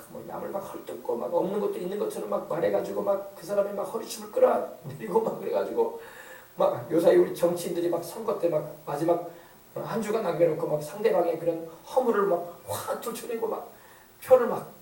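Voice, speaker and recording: A man's voice: high-pitched, gravelly, warm tone. A middle-aged man preaching a sermon as pastor, with rhetorical questions and emphatic repetition. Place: church sanctuary. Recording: echoey church hall, distant mic.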